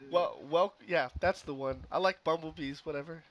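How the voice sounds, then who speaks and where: A man hosting a relaxed podcast chat while getting over a cold, easygoing and joking with lots of fillers. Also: a little high, moderate pace. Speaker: podcast host.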